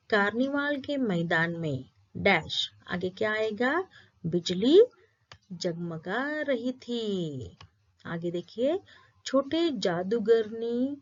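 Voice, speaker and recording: Slow, patient Indian woman teacher. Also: medium pitch. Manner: explains step by step, mixing in English words. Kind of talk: Hindi lesson for schoolchildren. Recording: dull lo-fi sound.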